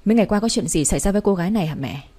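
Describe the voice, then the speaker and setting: A woman voicing a calm, concerned young husband questioning his mother in a spoken story. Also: mid-range voice, rapid-fire, breathy edge.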